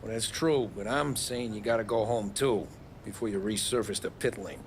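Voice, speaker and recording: An actor playing a calm mob driver in a video game, dry and wry with a drunk friend. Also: male voice, on the low side, moderate pace, a little hiss or hum, lightly acted. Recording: loud game audio underneath.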